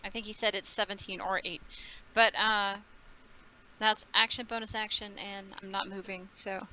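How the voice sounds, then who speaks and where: A woman with a mid-pitched voice chats casually as a tabletop game player. The recording is slightly muffled, with clear background noise. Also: level tone, normal speed, sharp tone. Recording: noisy, slightly muffled room pickup.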